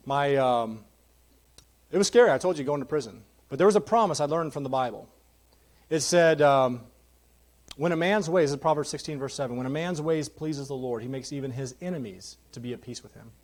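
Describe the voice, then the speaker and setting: A man's voice: mid-range voice, brisk. A man in his thirties giving a candid, joking testimony sermon in a church. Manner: candid, jokey, animated storytelling. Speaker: guest preacher. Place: church sanctuary.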